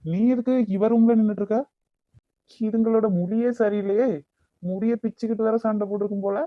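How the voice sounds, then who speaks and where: A man's voice: sits high, fairly even intonation, a little fast, no echo, lightly acted. A man with a Kanyakumari Tamil accent voicing a bossy, hot-tempered young lover in a cartoon, brusque and demanding. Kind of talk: cartoon voice acting. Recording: dull lo-fi recording.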